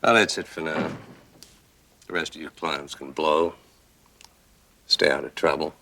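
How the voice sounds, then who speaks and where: An actor playing a hard-nosed, sarcastic American police detective in a noir drama, clipped and commanding. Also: male voice, a bass voice, steady tone, measured pace, creaky, pushed and bright, heavily acted. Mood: dismissive.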